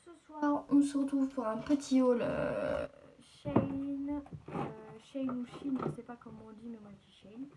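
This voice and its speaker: A woman's voice: high-pitched, very animated, measured pace, background noise. Chatty woman doing a haul vlog. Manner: chatty, filler-heavy, addresses viewers directly. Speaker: beauty haul vlogger.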